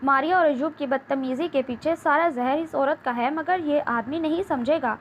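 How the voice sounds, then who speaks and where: A woman reading the part of a defiant, angry young wife in an audiobook novel, with a sharp, scolding delivery. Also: high voice, lightly acted. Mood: fuming. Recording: dull lo-fi with faint hiss.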